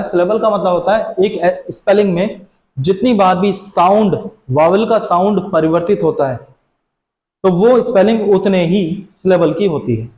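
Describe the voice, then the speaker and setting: Man, grammar teacher, high pitched, mellow tone, quizzes students as he explains. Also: reverberant, low-quality recording. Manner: explanatory, asks students questions and answers them himself. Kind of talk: classroom grammar lesson.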